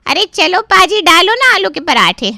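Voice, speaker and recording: Woman doing a shrill, greedy cartoon aunt, high and lively, always complaining. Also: moderate pace, gravelly, dry recording, clean studio sound, exaggerated voice. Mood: demanding. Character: greedy loud older aunt of the groom. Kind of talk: cartoon voice acting.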